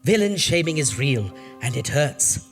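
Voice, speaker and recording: A man's voice: mid-range voice, sing-song, a little slow, soft background music. A man hamming up a campy spooky horror host. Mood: hammy. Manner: campy, theatrical, melodramatic. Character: theatrical spooky male horror-show host, campy and hammy. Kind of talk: comedy horror-host sketch.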